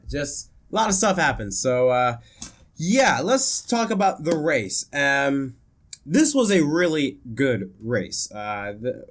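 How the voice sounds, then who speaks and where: A man with a congested, worn voice from illness, casually reviewing a car race with many fillers and restarts. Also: medium pitch. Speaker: racing commentary YouTuber.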